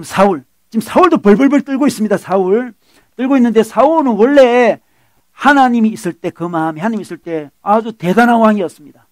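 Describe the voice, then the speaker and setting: A man preaching A middle-aged pastor in full sermon, his voice sitting high for a man and recorded close and dry. He talks animatedly, acts out quoted lines and keeps checking in with the congregation. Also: no echo.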